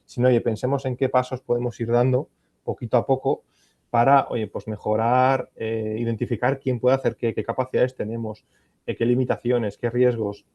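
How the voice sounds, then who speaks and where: A man's voice: medium pitch, level tone, moderate pace, no echo, muffled recording. A man with a Spanish accent answering questions as an expert on a conference panel, thoughtful and hesitant, often restarting his sentences. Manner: thoughtful, many fillers and restarts. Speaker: panel expert on ESG reporting.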